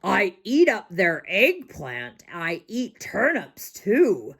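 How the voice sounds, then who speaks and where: A woman voicing a male green vegetable monster who growls his words slowly and deliberately in a storybook reading. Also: mid-range voice, huge pitch swings, husky, exaggerated voice. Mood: growling.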